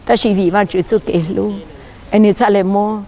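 A male pastor preaching a sermon outdoors by a riverside, his voice often jumping higher and louder for emphasis. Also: flat delivery, moderate pace.

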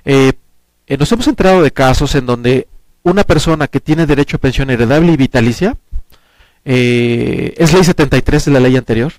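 On a talk show filmed in a small indoor TV studio, a guest advisor in his forties with a Mexican Spanish accent earnestly walks through pensions, speaking into a headset mic. His mid-range voice moves at normal speed with no echo, and he explains at length, gesturing animatedly.

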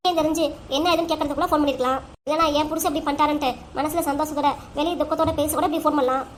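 A woman's voice: sits high, steady tone, rapid-fire, a little hiss or hum. A woman voicing an emotional, argumentative family quarrel in a cartoon. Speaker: voice actor for all the figures. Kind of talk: cartoon voice acting.

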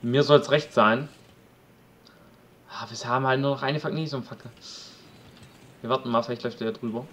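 Brisk but pausing often, this let's play commentator has a medium pitch and fairly even intonation. He casually jokes with his viewers about the survival game he's playing and shouts at wolves. Slight background noise accompanies a low-quality recording.

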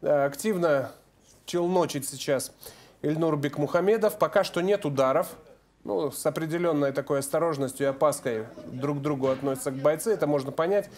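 A man's voice: fairly high pitch, fairly quick, a little mellow. A man giving live MMA commentary as a sports broadcaster.

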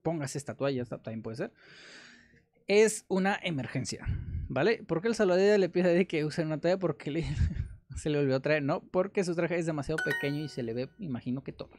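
A man's voice: fairly high pitch, animated, brisk, darkish tone, no echo. Brief: young adult male host, casual jokey translator, chatty with fillers. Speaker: host translating a language-app story. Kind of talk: casual commentary while translating.

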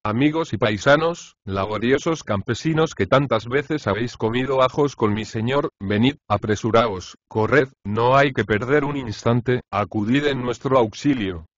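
A man's voice: medium pitch, unhurried, few pauses, no echo, dull audio, close to an everyday voice. A man voicing a brash, mocking male house slave in an audiobook of a comic play. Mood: urgent. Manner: cheeky, taunting.

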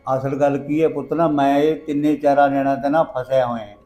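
A man's voice: medium pitch, level tone, fairly quick, warm tone, faint music behind, close to an everyday voice. An actor playing a weary, defensive rural father who coaxes and pleads with his daughter. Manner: coaxing, then pleading and defensive.

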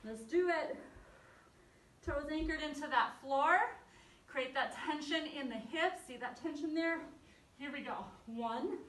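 A woman aerobics instructor leads a home workout in a high voice. She takes her time, counting reps and giving short, encouraging commands. She sounds some way from the mic in a roomy, echoey space. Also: unhurried, fairly bright tone. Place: carpeted room at home. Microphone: distant camera microphone across the room. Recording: roomy echo, far from phone camera.

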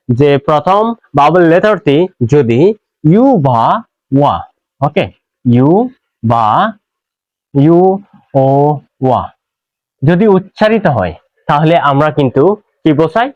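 Male English tutor, Bangladeshi accent, slightly high voice, patient step-by-step explainer, dry dull lo-fi recording. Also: no echo. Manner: explains step by step, repeats words slowly, asks "right?". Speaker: English teacher. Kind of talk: classroom grammar lesson. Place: classroom with whiteboard.

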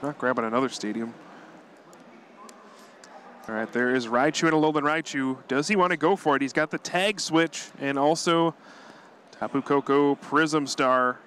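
A man calling a live card-game tournament match play by play, quick and analytical, chuckling often. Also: medium pitch, fairly bright tone, a little hiss or hum. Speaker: tournament commentator.

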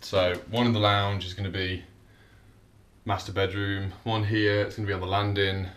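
Low-voiced electrician vlogging. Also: male voice, little pitch movement, normal speed, fairly bright tone, smooth. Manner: chatty, dry, explains as he works. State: out of breath at times. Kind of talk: casual work vlog narration. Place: house being rewired, indoors.

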